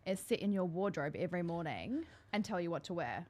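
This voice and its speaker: A young adult Australian woman, her accent partly tinged by New Zealand, chats casually as a podcast guest, where she's introduced as a style coach. Her lowish, slightly mellow voice is animated and fairly quick. She's chatty, self-deprecating, and laughs easily.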